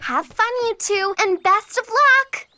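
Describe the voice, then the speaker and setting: A woman voicing a perky, chirpy little girl in an animated series. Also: extremely high pitch, slow, slight background noise, heavily acted.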